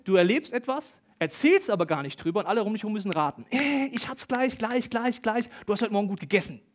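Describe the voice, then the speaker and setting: A man preaches with a high, lively voice in a church hall, addressing the congregation directly. He reads Bible passages aloud and acts out the quoted people as he goes. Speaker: pastor. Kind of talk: lively sermon with Bible reading. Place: church service hall with an audience. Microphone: stage microphone.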